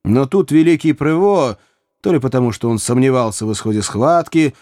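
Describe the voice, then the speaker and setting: Brief: steady male reader, warm tone. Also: medium pitch, no room sound, clean studio sound. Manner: even, measured reading. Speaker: audiobook reader. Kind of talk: calm audiobook narration.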